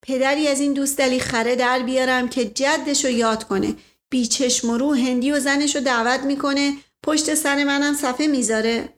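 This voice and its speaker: A woman's voice: sits high, fairly even intonation, lightly acted. A woman voicing a flirtatious, blustering middle-aged nobleman who talks theatrically and keeps exclaiming "momento". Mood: furious.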